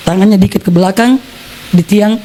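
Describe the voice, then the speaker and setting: A man's voice: sits high, brisk, mellow, a little hiss or hum. A man from South Sulawesi giving a personal testimony to a church congregation, telling his story vividly with frequent laughs. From South Sulawesi, Indonesia. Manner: storytelling, acts out quotes, laughs often.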